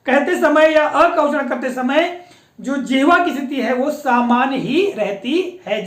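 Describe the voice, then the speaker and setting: A woman teaching a patient, explanatory lesson, often pausing to check that her students follow along. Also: sits high. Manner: patient, explanatory, often repeats a confirming filler. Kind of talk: classroom-style lecture on pronunciation. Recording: echoey room.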